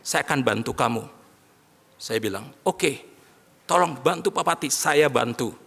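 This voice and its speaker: Brief: male pastor, sermon, gravelly bright voice, rises to shouts, long hall reverb. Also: medium pitch, expressive, measured pace. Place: large worship hall.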